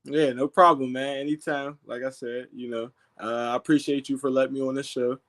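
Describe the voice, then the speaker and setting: A young man from Pittsburgh, a football player as guest, talking in a relaxed way full of fillers. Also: medium pitch, fairly quick. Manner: relaxed, filler-heavy, lots of "you know". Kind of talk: casual interview.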